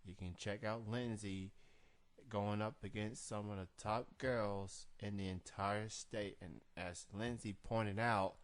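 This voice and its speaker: A man hosting an unscripted interview in a halting manner with drawn-out pauses. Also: lowish voice, steady tone. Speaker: interview show host. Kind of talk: unscripted radio-style interview.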